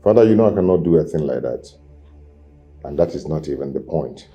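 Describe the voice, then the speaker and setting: An actor playing a reasoning prince in a film drama, measured and persuasive. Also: male voice, very deep voice, expressive, warm tone, lo-fi sound, faint music behind. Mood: conciliatory. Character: reasoning prince pleading with his father.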